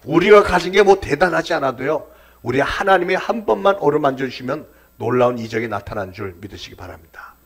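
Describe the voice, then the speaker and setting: Emphatic Korean pastor preaching a sermon. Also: male voice, on the high side, lively intonation, brisk, slightly rough. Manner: emphatic preaching, rising for stress and dropping to soft endings.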